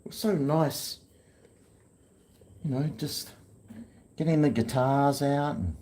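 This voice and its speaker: Talking to himself indoors at home, a Kiwi vlogger with a strong accent chats away casually in slangy, meandering fashion. He has a fairly high, warm voice and speaks slowly, recorded in a room with noticeable echo.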